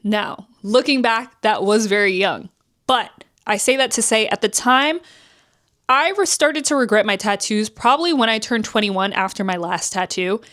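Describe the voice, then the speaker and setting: Talking at a normal speed with a fairly bright tone, this twenty-something New Jersey vlogger speaks openly and chattily to camera. When she quotes people, she acts the lines out with big pitch changes.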